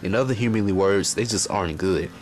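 A man's voice: on the low side, brisk. A young American man giving an exasperated, profane, comedic rant as a video game reviewer. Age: young adult. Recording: loud music under voice. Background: loud music.

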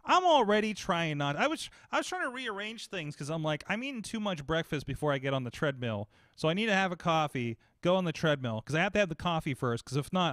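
A man's voice: a little high, no room sound. A man in his forties hosting a podcast, rambling animatedly in casual chat on a studio mic in a foam-paneled room. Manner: animated, rambling, self-mocking. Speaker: podcast host. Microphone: studio mic on boom arm, headphones.

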